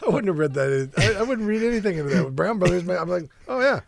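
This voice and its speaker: A man hosting a podcast who asks questions in a casual, halting way and often repeats his words. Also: high-pitched, lively intonation, vocal fry, no room sound. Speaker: podcast host. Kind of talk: casual interview chat.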